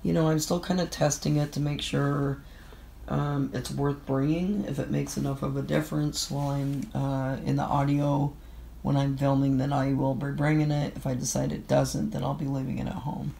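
A woman's voice: extremely low pitch, flat delivery, moderate pace, vocal fry, mellow, slight background noise. A middle-aged woman with a stuffy, nasal voice, sniffling with a bad cold as she talks casually through a gear vlog. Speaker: vlogger. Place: indoors in a room at home.

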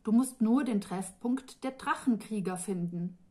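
A proud female dragon who stays calm and a little dismissive, voiced by a woman reading a fantasy novel aloud, in a mid-pitched, unhurried delivery. Her cool, drawling tone stays matter-of-fact. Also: close to an everyday voice.

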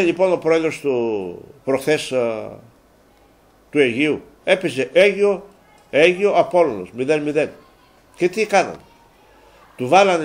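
A man hosting a local TV sports show, talking casually to viewers. He rambles, repeats himself and gets loud and worked up when he rants. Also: mid-range voice. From Greece. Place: local TV studio.

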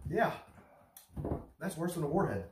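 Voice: medium pitch, big pitch swings, measured pace, echoey room, very noisy. A person chatting casually and groaning through pained reactions while eating sour candy, with blunt exclamations. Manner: swearing, blunt. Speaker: challenge video participant.

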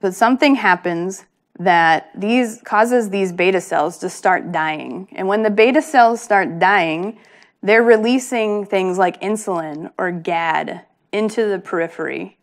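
A woman's voice: medium pitch, measured pace. A woman research scientist giving a patient, plain-spoken public lecture, with frequent ums.

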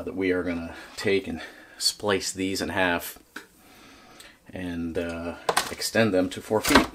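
A man's voice: low-pitched, a bit bright, reverberant, slight background noise. A man in his forties, a host chatting casually and self-deprecatingly as he walks through a big cluttered home garage workshop on a handheld camera. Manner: chatty, self-deprecating, loose with ums and laughs. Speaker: DIY video host. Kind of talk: casual walkthrough vlog. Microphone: handheld camera mic.

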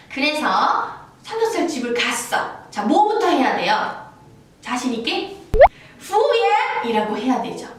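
Chatty woman teaching phrases in a roomy space. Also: on the high side. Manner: chatty, playful, acts out little scenes with laughs. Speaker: Chinese language teacher. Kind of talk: casual language lesson. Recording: roomy, from a distance, faint background noise.

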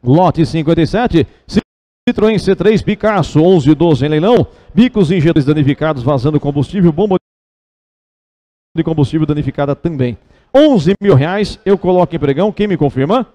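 A man's voice: fairly high pitch, animated, moderate pace, dark tone. Brazilian man rattling off an auction chant. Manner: repeats figures in rhythmic, insistent runs. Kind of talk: rapid, repetitive auction chant calling bids. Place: car auction with a live and online audience.

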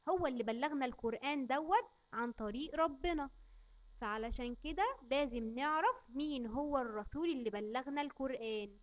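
A woman with an Egyptian Arabic accent teaching small children to recite, slowly drawing out each phrase for them to repeat. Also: sits high, expressive, highs cut off. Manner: slow, drawn-out recitation for repeating. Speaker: kindergarten teacher.

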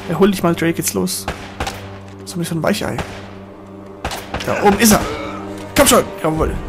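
A man giving excitable gameplay commentary, swearing at enemies and cheering himself on. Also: sits high. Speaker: let's player. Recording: voice over game music and gunfire.

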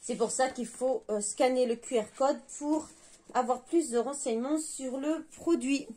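A woman's voice: high-pitched, unhurried, mellow. A woman reviewing a beauty box, talking hesitantly and reading product labels aloud.

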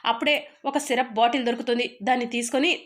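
A woman narrating a recap of a TV serial episode, telling it quickly and briefly voicing the characters' lines. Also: on the high side. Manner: quick, lively retelling that slips into the characters' lines. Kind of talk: storytelling recap with voiced dialogue.

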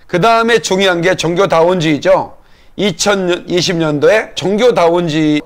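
A male pastor giving a Bible lesson in sermon style, explaining step by step and checking in with the congregation through questions and calls for amen. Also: sits high.

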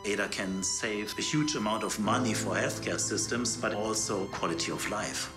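A woman reads a promotional video script slowly and deliberately. Her voice plays back through an echoey venue, and loud music runs under her the whole way. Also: rumbling low. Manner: slow, deliberate scripted delivery.

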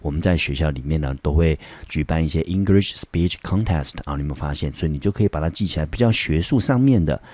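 A very deep, dark male voice with a Taiwanese Mandarin accent, teaching English words in a patient, explaining way. The recording is close and dry, with no room sound. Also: fast, hardly any pauses, no echo. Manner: explains patiently, often starting with "好". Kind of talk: classroom vocabulary lesson.

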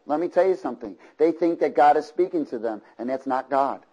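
A man's voice: a little high, lively intonation, a little fast, warm tone, slightly rough, poor audio. A man preaching a sermon to a congregation, with rhythmic repeated phrases and frequent checks for agreement. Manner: asks the congregation for call-and-response agreement. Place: church before a congregation.

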